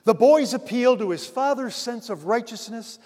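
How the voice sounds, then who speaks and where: A man preaching a sermon as pastor, swinging between loud emphasis and hushed asides and calling his listeners dear friends. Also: very high-pitched, normal speed, big-room sound.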